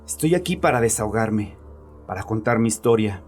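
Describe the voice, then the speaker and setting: A man voices an angry, defensive grieving father, bitter and domineering, who speaks to a therapist with agitated, sarcastic arrogance in a horror audio drama. He uses a lowish voice with lively intonation at normal speed, close to an everyday voice, over soft background music.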